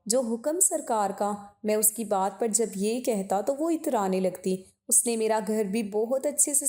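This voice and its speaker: A woman telling a first-person story as scripted narration, steady and measured. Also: a little high.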